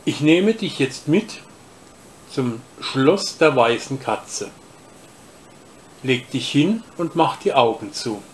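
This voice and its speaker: A man reading aloud and voicing a prim, superior female porcelain cat that speaks slowly and condescendingly. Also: medium pitch, lively intonation, a little hiss or hum. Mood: haughty.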